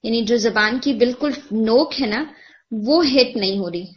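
A woman giving patient, detailed recitation feedback to a student, mixing in English terms. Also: fairly high pitch. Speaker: Quran recitation teacher. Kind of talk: one-on-one tajweed feedback. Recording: lo-fi muffled audio.

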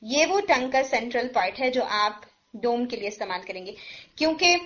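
Lady teacher, high voice, patient step by step explaining, bit dull lo-fi sound. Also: expressive, a bit bright. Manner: patient, explains step by step with everyday comparisons, models letter sounds. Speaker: Quran recitation teacher. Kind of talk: pronunciation lesson.

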